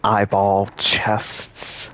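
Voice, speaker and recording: A man's voice: on the low side, completely flat delivery, extremely slow, a bit bright. A man giving playful, wry commentary as he streams a game. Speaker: gamer streamer.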